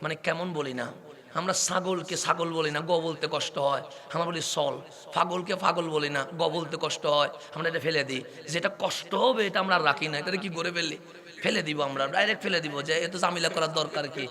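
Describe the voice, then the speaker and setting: A man from Chittagong with a Chittagonian Bengali accent preaching a waz sermon, speaking fast and rising into impassioned shouting with rhetorical questions to the crowd. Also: fairly high pitch. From Chittagong, Bangladesh. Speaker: Islamic preacher.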